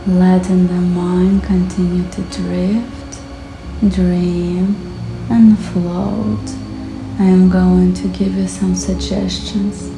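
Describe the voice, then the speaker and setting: A woman guiding hypnosis in a slow, calm, soothing hypnotist voice, with long pauses between short phrases. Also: fairly low pitch. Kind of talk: slow guided hypnosis narration. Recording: echoey voice over background music. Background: music.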